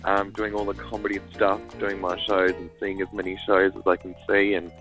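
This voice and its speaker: A man's voice: deep voice, completely flat delivery, a little fast, over music. A man with an Australian accent chatting as a comedian guest in a camp, self-deprecating way. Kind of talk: casual comic chat. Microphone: phone call. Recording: dull, close phone line.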